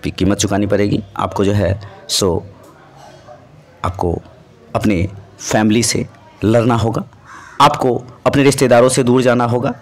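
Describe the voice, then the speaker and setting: A man teaching civil services exam students in a motivational lesson, talking to them directly and mixing in English phrases. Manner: animated, lively rises and drops in pitch and loudness.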